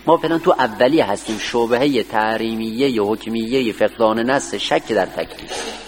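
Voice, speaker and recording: A male seminary teacher giving a classroom lecture, reading a text line by line and putting questions to his students. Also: fairly low pitch. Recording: distant voice with long hall reverb, faint hiss.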